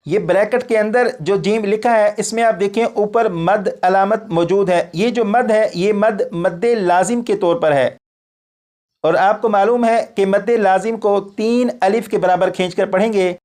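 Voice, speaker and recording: A man teaching Quran recitation, explaining letters slowly and drawing out each sound for the student to repeat. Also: high voice, a little mellow. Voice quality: drawn-out chanted letter sounds in drills. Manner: patient, repeats each point, pauses for the student. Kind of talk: slow step-by-step lesson on letters.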